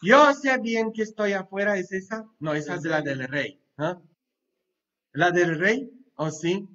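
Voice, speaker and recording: A priest preaches a homily in a lively, joking way, tossing quick questions and asides at his listeners. His voice sits high and bright, and he takes his time over the words. The recording is dull and lo-fi. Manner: half-sings song lines loudly. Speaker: pastor. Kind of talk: sermon.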